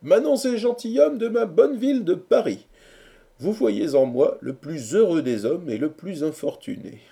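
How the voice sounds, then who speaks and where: A man voicing a lovesick, theatrical young gentleman in a storybook reading, pleading and declaiming in a raised voice. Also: on the high side, lively intonation, moderate pace, creaky, pitched above the performer's own voice. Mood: declamatory.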